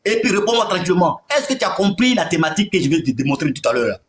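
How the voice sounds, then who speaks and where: Man, high pitch, echoey room, heated religious debate, insistent, stutters and repeats. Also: sing-song. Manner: insistent, repeats words, reads scripture slowly.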